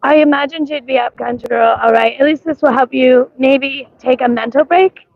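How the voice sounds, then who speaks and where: Livestreaming outdoors at a street parade, a woman with a mixed accent and a voice scratchy from coughing chats casually, rambling with many ums and greeting viewers by name. Her voice sits high with a steady tone, normal speed and vocal fry, and the audio is narrow and tinny.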